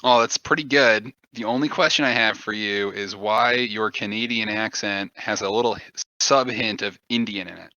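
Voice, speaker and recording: Brief: young male co-host, low pitch, very forceful bright tone, dull lo-fi recording. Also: normal speed, dry recording. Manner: jokey and rambling. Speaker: podcast co-host. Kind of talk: casual chat.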